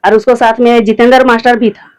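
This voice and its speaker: A middle-aged woman with a rural Jharkhand accent and a somewhat high voice speaks in plain, repetitive village speech. She recounts events to a reporter and often slips into quoting what others said. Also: little pitch movement, brisk, darkish tone, clear, resonant tone, low-quality recording. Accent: Jharkhand rural Hindi. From Jharkhand, India. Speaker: interviewee, mother, former village head. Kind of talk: spoken account to a reporter.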